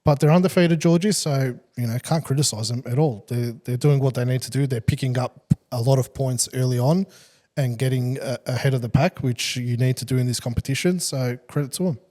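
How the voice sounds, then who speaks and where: A man with an Australian accent, co-hosting a football podcast in casual, measured chat. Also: mid-range voice, mellow. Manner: measured, laughs easily, hedging asides. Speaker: podcast co-host, football pundit.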